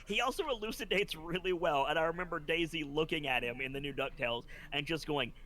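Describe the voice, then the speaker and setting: A man playing a tabletop game, chatting and arguing points in an animated way. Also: fairly high pitch. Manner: animated, quick to argue a point. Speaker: player. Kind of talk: casual chat at a game table.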